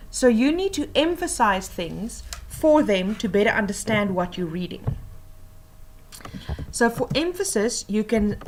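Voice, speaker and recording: A woman teacher explaining tips for oral reading assessments, patiently and with many pauses and fillers. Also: fairly high pitch, a little hiss or hum.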